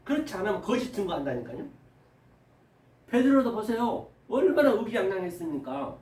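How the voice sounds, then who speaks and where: A man preaching a sermon lecture, animated and colloquial, acting out Bible dialogue in rough everyday speech. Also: sits high, fairly quick, echoey room, distant mic.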